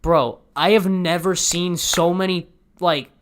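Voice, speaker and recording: A man's voice: sits high, fairly even intonation, unhurried, smooth. A young man co-hosting a casual podcast, easygoing, who laughs often and tells stories with quoted asides. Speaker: podcast co-host. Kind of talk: casual chat.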